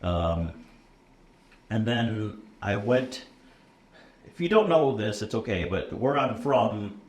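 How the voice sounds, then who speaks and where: With a voice on the low side, lively intonation and a slow pace, a computer science instructor chats in a relaxed conversational interview. He's an American man in his thirties from the USA, English his first language, who fills his speech with ums and uhs and keeps checking in with "okay?". A roomy echo and faint room noise color the recording.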